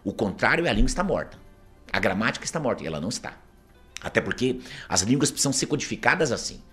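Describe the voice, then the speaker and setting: Husky, fast-talking Brazilian man from Paraná. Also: mid-range voice, big pitch swings, fairly bright tone, faint music behind. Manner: emphatic, argumentative, keeps asking rhetorical "isn't it true?". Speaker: interview guest. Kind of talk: opinionated conversational commentary.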